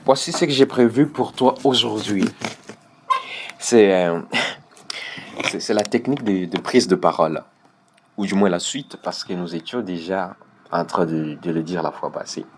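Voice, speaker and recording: A man teaching a public speaking lesson over a video call, explaining patiently with frequent pauses. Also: sits low, a little hiss or hum. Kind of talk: online one-on-one lesson.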